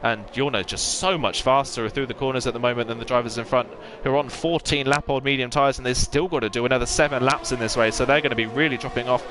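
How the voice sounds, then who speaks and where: A man's voice: mid-range voice, steady tone, fast talker. A man giving fluent, detailed live play-by-play commentary as an esports sim racing commentator.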